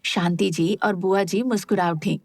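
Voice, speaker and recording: A woman narrating a serialized romance audio drama in a steady storytelling manner. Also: mid-range voice, measured pace, breathy edge, no room sound, clean studio sound. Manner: steady storytelling, voices all parts.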